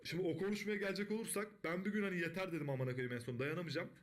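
A man streaming live blackjack, talking to his chat, swearing a lot and breaking into excited shouts. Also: high voice, rapid-fire. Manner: profane, bursts into excited shouting.

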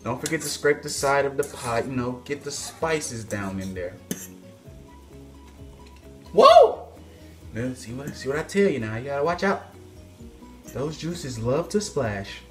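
Animated and unhurried, with long pauses and faint music behind, a young man speaks at a medium pitch while filming a mock-serious cooking video. He plays the authority and jokes with viewers as he works the stove in his home kitchen. A phone camera on a stand, several feet back, captures the echoey space.

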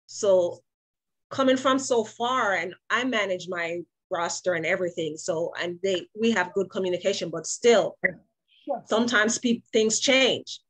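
A woman's voice: medium pitch, rough recording. Firm, plainspoken woman on a video call. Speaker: vanpool owner. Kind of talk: video call meeting discussion.

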